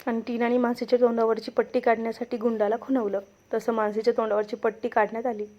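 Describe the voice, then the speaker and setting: A woman's voice: on the high side, level tone, fast, darkish tone. Woman narrating a dramatic story. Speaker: story reader and writer. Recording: dull lo-fi recording.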